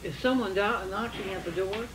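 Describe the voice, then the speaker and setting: A woman's voice: mid-range voice, reverberant, far from the mic, background noise. Very old woman on an old VHS home video. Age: 80s or older. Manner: halting and wandering, losing her thread. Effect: old home VHS tape sound. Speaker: great-grandmother being interviewed. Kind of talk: casual family chat. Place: home kitchen with cooking going on. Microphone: camcorder mic across the room.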